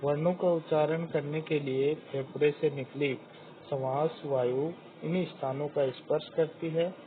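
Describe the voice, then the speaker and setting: A man teaching a grammar lesson, slowly and deliberately sounding out each letter one by one. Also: on the high side, steady tone. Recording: tinny phone-like audio with faint hiss.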